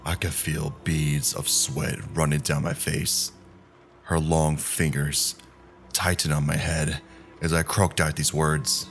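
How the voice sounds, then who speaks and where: A man narrating a horror story in a measured, grim, scripted style. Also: rumbling low, little pitch movement, fairly bright tone, soft background music.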